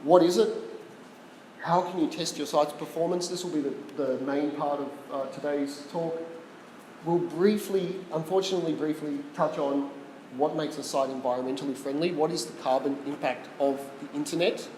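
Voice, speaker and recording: Speaking at normal speed with fairly even intonation, this Australian man has a fairly high-pitched, darkish voice. He gives a relaxed tech talk to a small live crowd, chatting and quizzing them, in a room with long reverb and slight background noise.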